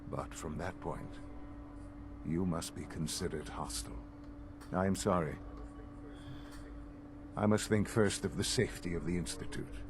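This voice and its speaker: An actor voicing a composed, coldly menacing man who leads a secret institute in a game, speaking in a measured way with quiet threat. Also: sits low, noisy background. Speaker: leader of a secretive scientific group in a game.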